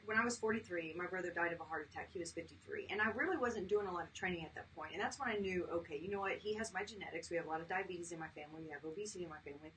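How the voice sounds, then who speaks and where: A woman's voice: on the low side, racing, hardly any pauses, fairly bright tone. A woman in her fifties, a chiropractor, talking casually as an interview guest with lots of fillers. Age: 50s. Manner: chatty, laughs easily, many fillers. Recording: distant mic with faint background noise.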